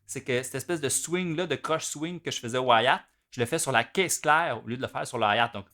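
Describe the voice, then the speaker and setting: A man's voice: medium pitch, fairly quick. A man with a Québécois French accent, a drum teacher explaining rhythms step by step and counting the beats aloud. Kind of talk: instructional video explanation.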